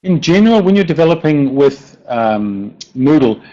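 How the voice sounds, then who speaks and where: A man's voice: fairly high pitch, big pitch swings, normal speed, warm tone. A man with a broad New Zealand accent giving an informal technical presentation, often hesitating and repeating words. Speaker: presenter, software developer. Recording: dull lo-fi online audio.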